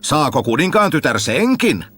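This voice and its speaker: A man's voice: a little high, sing-song, sharp tone, husky, voice pushed up, full character voice. A man voicing two haughty young men who mock their simple brother. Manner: sneering, scornful.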